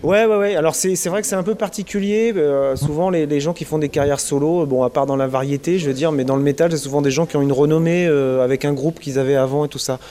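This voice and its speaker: Talking at a quick pace with few pauses, a Breton musician in his thirties answers interview questions casually and hesitantly, with many fillers and restarts. He comes from Brittany, France, and his voice is on the high side but dark in tone.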